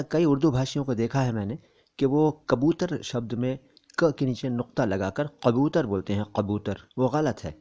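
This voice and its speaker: A man gives a pronunciation lesson. He talks in a measured, careful way at a middling pitch. The headset recording sounds a little dull and lo-fi. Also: a little mellow. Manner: measured, careful explanatory delivery. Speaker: language teacher. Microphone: bluetooth headset.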